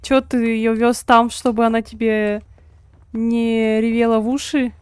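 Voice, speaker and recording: Female live streamer, higher-pitched, casual chatty delivery, reacting to gameplay. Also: little pitch movement, measured pace, smooth, no echo. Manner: informal, chatty, reacting as she plays. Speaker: game streamer. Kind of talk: casual live-stream chat while gaming.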